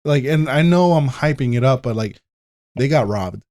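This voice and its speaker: Excitable man gushing about movies. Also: mid-range voice, moderate pace, a little hiss or hum. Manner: excitable, hypes things up, swears freely. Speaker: podcast co-host. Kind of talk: casual chat.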